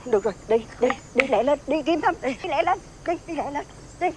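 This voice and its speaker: An actress playing an exasperated middle-aged mother in a TV fairy-tale drama, with a shrill, scolding, wailing manner. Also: animated, fairly quick, background noise. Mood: fretting.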